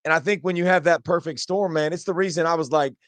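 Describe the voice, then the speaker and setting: A man's voice: a little high, quick pace, no echo. A man in his forties hosting casual sports chat, fired-up and emphatic, full of "like.". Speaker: host, former football player.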